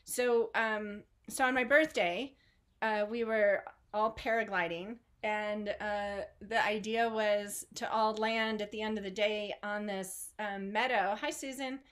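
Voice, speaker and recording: A woman's voice: mid-range voice, fairly even intonation, measured pace, fairly bright tone. A woman hosting an online group, telling a story in a casual, rambling way full of fillers and small laughs, speaking into a video call microphone from home. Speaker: online art studio host.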